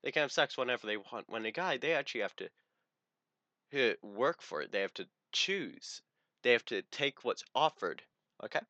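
A man's voice: medium pitch, big pitch swings, moderate pace, bright, forceful tone, no room sound, dull audio. A young man co-hosting a casual chat show, brash and crude, laughing often as he tells stories. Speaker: podcast co-host.

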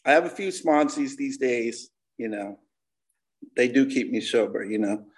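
At a recovery meeting, an American-accented man from Connecticut, aged in his forties, gives a candid, slangy personal testimony in a conversational way. He sounds animated, with a medium pitch and a measured pace.

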